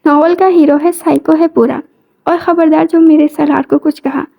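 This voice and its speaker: A woman voicing a cheeky, sharp-tongued young female student in a novel reading. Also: sits high, steady tone, gravelly, muffled recording. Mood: teasing. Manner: teasing, quick retorts.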